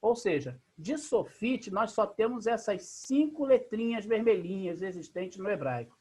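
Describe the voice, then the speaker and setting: Husky-voiced Brazilian teacher on a video call. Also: medium pitch, lively intonation, unhurried, a little mellow. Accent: Brazilian Portuguese. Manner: patient, explains step by step, often checks in with "tá?". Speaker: Bible language teacher. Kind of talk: online class lecture. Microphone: video call computer mic.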